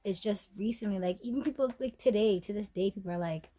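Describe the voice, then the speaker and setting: A woman's voice: medium pitch, fast talker, poor audio. A young woman vlogging candidly about a hard stretch, repeating herself and near tears at times. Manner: many fillers and restarts, drifting soft and quiet. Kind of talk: emotional personal story vlog.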